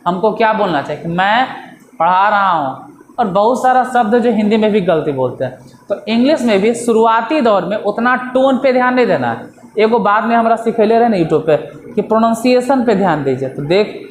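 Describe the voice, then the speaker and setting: Coaxing Bihari teacher in an echoey classroom. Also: male voice, high-pitched. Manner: coaxing, repetitive, calls students to listen. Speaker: English teacher. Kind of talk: classroom grammar lesson. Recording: echoey room with faint ambient noise.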